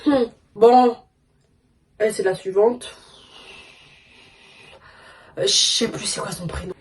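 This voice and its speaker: A woman's voice: mid-range voice, slow, a little hiss or hum. A young woman chatting casually in a vlog, rambling and slangy with lots of fillers. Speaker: vlogger. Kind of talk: casual chat.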